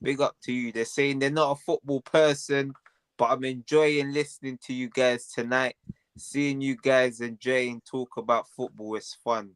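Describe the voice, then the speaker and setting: A man's voice: mid-range voice, steady tone, moderate pace, clear, resonant tone, no echo. A man in a casual football chat, joking and slangy. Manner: joking, slangy, laid-back. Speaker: football podcast panelist.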